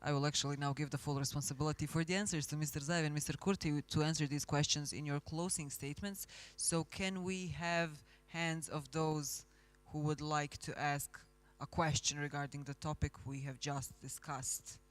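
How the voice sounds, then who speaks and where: A man's voice: a little high, steady tone, normal speed. A man moderating a forum panel, polite and lightly joking as he takes questions from the audience. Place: conference hall.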